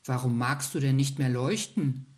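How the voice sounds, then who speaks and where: A woman's voice: very deep voice, normal speed, darkish tone. A woman voicing the oldest star, wise and caring, in a bedtime story. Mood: gentle.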